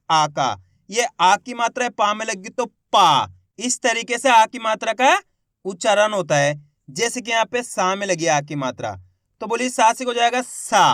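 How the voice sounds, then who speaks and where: High-pitched man teaching reading. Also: fairly bright tone, no echo, studio quality. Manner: drawn-out syllables, asks and answers himself. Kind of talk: beginner reading lesson.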